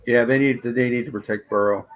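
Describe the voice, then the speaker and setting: A man hosting a live stream, hoarse and losing his voice, reacting to draft picks and answering his chat in casual commentary. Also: mid-range voice, fairly even intonation, fast, dull audio. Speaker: livestream host.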